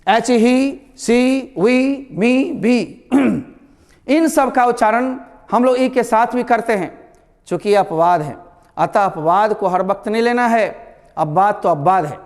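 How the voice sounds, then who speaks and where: A man teaching English pronunciation to his students, explaining slowly and repeating each word, calling them his children. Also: sits high, expressive. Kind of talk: classroom lesson. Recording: long reverb.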